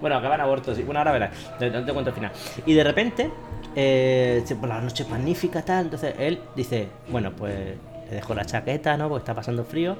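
A man's voice: mid-range voice, fairly quick, music in the background. A man chatting casually with friends, laughing often and telling stories with animation. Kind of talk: casual chat among friends.

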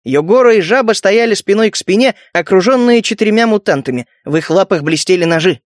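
Guy reading an audiobook, steady storytelling, high-ish voice, super dry booth sound. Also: fairly quick, no room sound. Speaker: audiobook narrator. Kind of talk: scripted narration.

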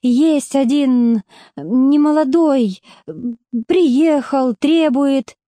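A woman reading an audiobook, voicing a distraught middle-aged woman who pleads with her brother through tears, in a raised, slightly higher voice. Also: unhurried, warm tone, dry recording. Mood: pleading. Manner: tearful, pleading, rising to outbursts. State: crying.

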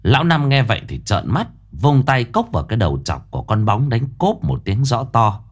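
Lively male ghost-story narrator. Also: medium pitch, fairly quick.

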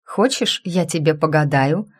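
A woman's voice: deep voice, a little slow, slightly rough. A woman voicing a chatty, breezy young female witch with a perky, lilting delivery. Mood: offering.

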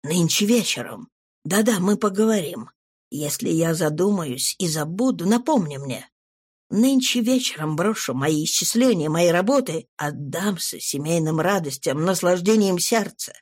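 A woman voicing a soft, tender husband. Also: on the low side, lively intonation, normal speed, husky. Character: middle-aged male scholar, tender and absorbed.

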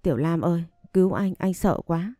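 A simple, childlike young man from an audio story, pleading and fearful, as a female narrator reads him. The voice stays low and mellow, recorded dry and close. Soft music runs beneath. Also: lively intonation, moderate pace, no room sound, close to an everyday voice. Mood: terrified.

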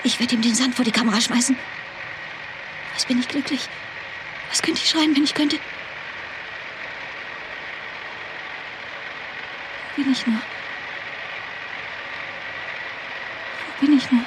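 A woman's voice: high voice, brisk, background noise, lightly acted. An actress playing a young woman fleeing a hijacked plane, speaking her thoughts in a breathless, broken inner monologue. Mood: dazed relief. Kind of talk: radio drama inner monologue.

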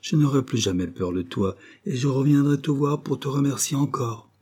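Timid orphan boy, pleading, dark husky tone, from a male reader. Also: mid-range voice, expressive, normal speed, voice pushed up. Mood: earnest.

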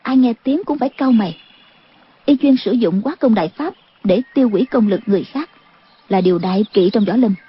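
Breathy woman narrating an audiobook. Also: fairly high pitch, a little fast. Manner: steady storytelling delivery. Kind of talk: scripted narration. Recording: dull lo-fi audiobook recording.

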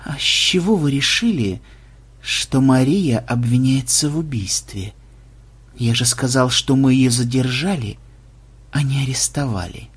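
A man voicing a cold, sharp-witted male programmer investigator who speaks calmly in clipped, probing lines, in an audiobook. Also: on the high side, normal speed, slightly rough. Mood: quietly probing. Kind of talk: audiobook character voice.

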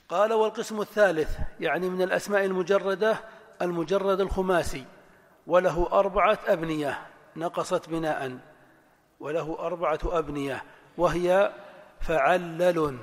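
A man teaching a class on Arabic word patterns. He spells out each pattern slowly, repeating and stressing syllables, and asks questions that he then answers himself. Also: on the high side, in a large hall. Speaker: sheikh teaching Arabic morphology. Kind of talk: classroom lecture explaining a text.

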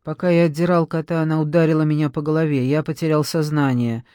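A man's voice: on the high side, little pitch movement, quick pace, warm tone, clear, resonant tone, no echo, clean studio sound, natural voice. A man reading an audiobook, voicing a frightened captive who pleads and stammers. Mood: explaining.

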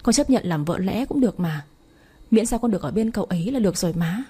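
A woman's voice: mid-range voice, expressive, quick pace, dark tone, slightly rough. A woman reading as a tearful young daughter. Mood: tearful pleading. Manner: pleading, apologetic. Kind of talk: audiobook story reading.

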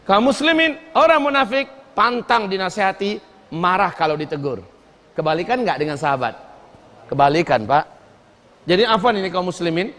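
High-voiced preacher in a reverberant hall. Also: male voice. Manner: lively, humorous, mimics people. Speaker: mosque preacher. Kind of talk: sermon. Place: large mosque hall.

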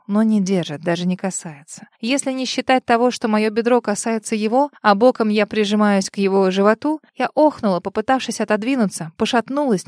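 A woman narrating a first-person romance novel as an audiobook, intimate and expressive, sometimes dropping to breathy whispers. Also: on the high side, no echo, studio quality.

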